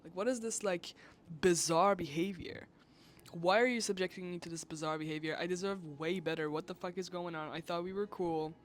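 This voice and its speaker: A woman vlogger telling a story in a casual, animated rant, filling her talk with "like" and swearing when she is exasperated. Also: on the low side, brisk, a little hiss or hum.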